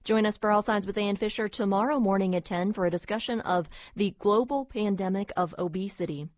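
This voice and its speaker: A woman's voice: mid-range voice, a little fast, no echo. Brief: woman announcer reading station breaks evenly, heard through tinny lo-fi radio sound, dry. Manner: steady, even read of station IDs and promos. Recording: dull lo-fi radio broadcast, dry.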